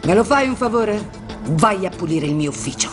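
A woman's voice: medium pitch, lively intonation, normal speed, lightly acted. A woman playing a domineering institute boss. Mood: commanding. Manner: domineering and commanding. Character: bossy woman in charge of an institution. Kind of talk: Italian TV dub. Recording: music underneath.

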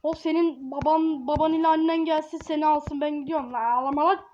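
A gaming YouTuber gives casual, slangy gameplay commentary in a high, dark-toned voice that stays steady and brisk. She jokes around and scolds a baby in the game, and the recording is dull and lo-fi with faint hiss.

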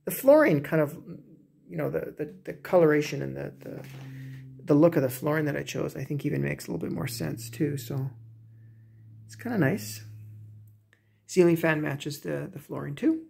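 Man, 30s, casual home-tour vlogger, gravelly, slightly husky voice, halting delivery full of ums, phone-recorded in a kitchen. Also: on the high side, a little mellow. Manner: rambling, hesitant, many fillers and restarts. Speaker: homeowner vlogger. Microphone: phone camera, handheld selfie then walking.

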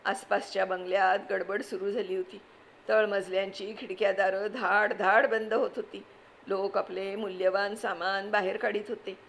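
A woman narrating a story aloud in a steady, expressive reading voice. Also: medium pitch, moderate pace, vocal fry, a little hiss or hum.

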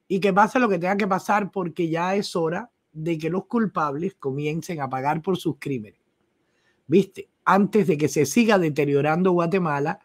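A woman from Cuba with a Cuban accent, hosting a live news commentary show in a colloquial, emphatic and sarcastic way. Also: lowish voice.

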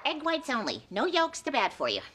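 A woman's voice: high-pitched, wildly swooping pitch, a little fast. An actress playing a cheerful, fussy middle-aged mother with a chirpy manner. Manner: chirpy, fussing. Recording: noisy sitcom TV audio.

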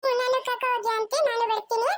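A woman doing a squeaky cheeky little boy. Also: little pitch movement, racing, very noisy. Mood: pleading. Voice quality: squeaky, thin childlike voice. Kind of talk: acted family drama dialogue.

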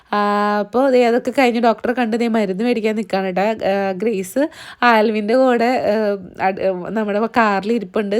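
Hoarse young woman vlogging. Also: a little high, darkish tone. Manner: chatty, fills with "appo" and "kettō". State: voice partly gone, hoarse. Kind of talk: casual vlog narration.

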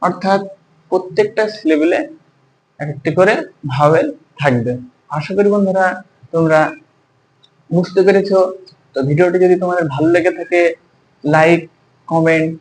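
A man's voice: fairly high pitch, fairly even intonation, a little hiss or hum, rough recording. A male teacher explaining a grammar lesson, asking the viewers questions and stretching words out syllable by syllable. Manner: repetitive, drawn-out syllable-by-syllable pronunciation; keeps asking the audience questions. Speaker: English teacher.

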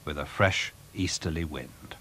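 Deep-voiced male announcer on worn old tape. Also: sharp tone, a little hiss or hum. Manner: measured, polite, formal delivery. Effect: heard from a worn old VHS tape copy. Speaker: TV continuity announcer. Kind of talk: formal scripted broadcast announcement. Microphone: studio announcer microphone.

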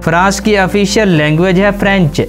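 A man narrating a scripted facts video, addressing viewers as friends in a brisk voice-over. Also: sits high, steady tone. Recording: faint music under voice-over. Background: background music.

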